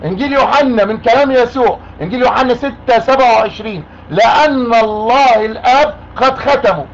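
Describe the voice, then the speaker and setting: A high-voiced Egyptian man talks fast and pushes hard, repeating his demands over and over. The call sounds muffled and lo-fi, with a faint hiss behind it. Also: creaky. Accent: Egyptian Arabic. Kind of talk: argumentative phone call.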